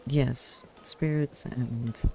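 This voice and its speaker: A man's voice: medium pitch, steady tone, very slow, gravelly, darkish tone, faint music behind. A man giving casual video game commentary, musing and hesitant as he thinks aloud and reads in-game text. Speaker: player narrating a video game.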